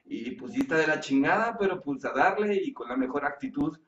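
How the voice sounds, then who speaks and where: A man voicing a calm male puppet sweetheart who reassures earnestly. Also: fairly high pitch, brisk. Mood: soothing. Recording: roomy, distant, dull sound.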